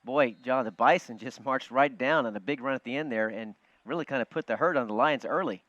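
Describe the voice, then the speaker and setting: A man calling live football play-by-play from a broadcast booth, quick and chatty, joking with his partner. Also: medium pitch, fairly bright tone, dry recording. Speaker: play-by-play announcer. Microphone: broadcast booth headset. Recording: dull, muffled broadcast audio.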